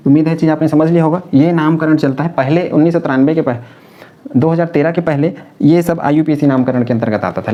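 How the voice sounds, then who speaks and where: A man's voice: fairly high pitch, muffled recording. A man teaching a chemistry lesson, explaining step by step, repeating key terms and answering his own questions. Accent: Hindi-speaking North Indian. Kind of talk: classroom lecture.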